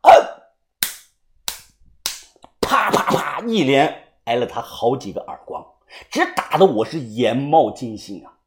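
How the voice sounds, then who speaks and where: A woman narrating a first-person story in a dramatic, animated way. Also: extremely low pitch, normal speed. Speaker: audiobook narrator.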